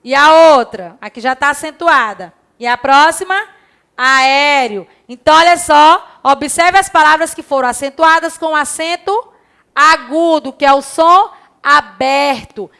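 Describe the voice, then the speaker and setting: A woman teaching a recorded lesson to young children, reading words slowly and asking and answering questions in the pupils' place. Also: high voice, a bit bright. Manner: slow, stretched-out reading of words and syllables; asks questions in the pupils' voice and answers them herself. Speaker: primary school teacher.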